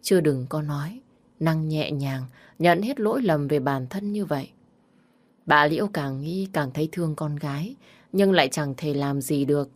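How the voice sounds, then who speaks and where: A woman narrating an audiobook story in a steady, measured reading voice. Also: low-pitched.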